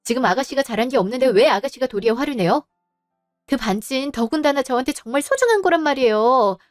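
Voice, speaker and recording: A woman's voice: high-pitched, expressive, no echo, clean studio sound, faint music behind. A woman playing a wronged daughter-in-law who speaks politely but firmly to her in-laws. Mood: indignant. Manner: polite but firm, measured.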